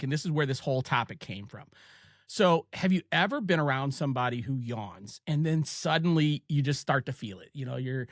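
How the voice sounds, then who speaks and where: A podcast host with an Ohio accent talks in a fairly high, slightly bright voice, recorded clean in a studio with no room sound. He chats casually and tells stories, halting often with lots of fillers and restarts.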